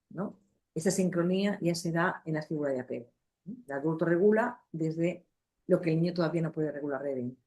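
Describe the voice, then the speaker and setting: A middle-aged woman leads a psychotherapy class. Her voice sits a little low, and she talks in a loose, conversational way, restarting sentences and checking in with her listeners. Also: a little mellow. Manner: conversational, many fillers and restarts, acts out examples. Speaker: psychotherapy teacher. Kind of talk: lecture to a class.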